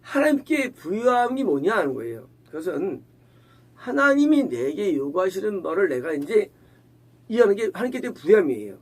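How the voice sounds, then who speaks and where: Husky guy pastor preaching, high voice, bounces all over, keeps asking the crowd questions. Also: very animated, normal speed. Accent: Korean. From Korea. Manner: conversational preaching with rhetorical questions and acted quotes. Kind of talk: sermon.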